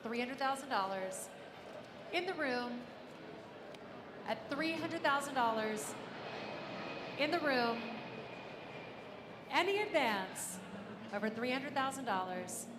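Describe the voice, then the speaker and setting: High-pitched woman auctioneer in an echoey hall. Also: expressive, slow pace, long pauses. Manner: auctioneer's repetitive bid calling. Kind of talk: live auction calling. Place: large auction room. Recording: echoey hall, ambient noise.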